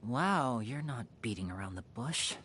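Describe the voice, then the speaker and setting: Lively, playful young magician Lyney. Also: female voice, very deep voice, normal speed, a little hiss or hum. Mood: teasing, confiding. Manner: theatrical, teasing, smooth showman. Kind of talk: video game character voice lines.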